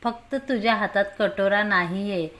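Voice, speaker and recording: A woman's voice: mid-range voice, fairly even intonation, normal speed, close to an everyday voice. A woman voicing a tipsy, mocking young woman in a read-aloud romance story. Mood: taunting. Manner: slurred taunting, loud.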